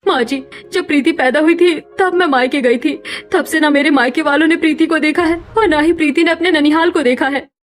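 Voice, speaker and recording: A woman voicing a meek, mistreated young village wife in a cartoon story, gentle and pleading. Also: sits high, fairly quick, few pauses, close to an everyday voice.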